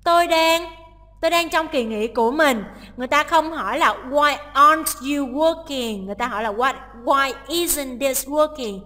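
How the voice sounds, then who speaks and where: A woman teacher with a high, ringing voice walks through a listening test. She reads each English sentence and then breaks it down step by step, and a long reverb hangs after her words. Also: normal speed, bright, forceful tone. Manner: explains each option, translating English lines aloud.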